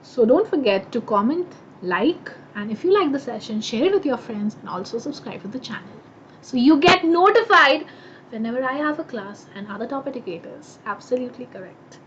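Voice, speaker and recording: A woman with an Indian accent teaching science in a live online class, chatty and animated, often asking questions and answering them herself. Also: a little high, brisk. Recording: muffled audio with clear background noise.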